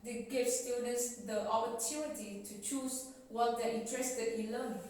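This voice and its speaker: A woman's voice: fairly high pitch, steady tone, moderate pace, darkish tone. Woman reading in an echoey hall. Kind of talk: reading a lesson text aloud. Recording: echoey hall, voice far from the mic.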